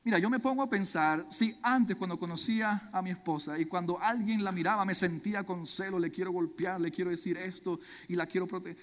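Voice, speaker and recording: A male youth pastor preaches with dramatic storytelling. His voice sits high for a man and carries a long reverb, as if he is in a large hall. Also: fairly quick, few pauses. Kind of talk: sermon.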